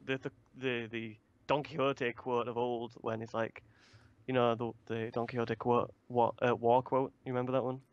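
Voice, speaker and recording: A man's voice: medium pitch, little pitch movement, normal speed, clean tone, no room sound, muffled recording. A man co-hosting a casual manga review, talking in a rambling, chatty way with loose swearing. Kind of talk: casual chat.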